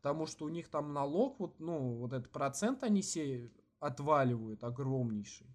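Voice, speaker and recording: A man co-hosting a podcast in casual, slangy chat with swearing, halting with many false starts and repeats. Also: on the high side, lively intonation. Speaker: podcast co-host.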